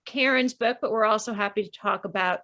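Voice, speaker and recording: A woman's voice: medium pitch, fairly quick, a bit bright. A woman interviewing a friend on a video call, chatty and gushing, laughing often. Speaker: interviewer and co-author. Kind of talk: casual chat on a video call.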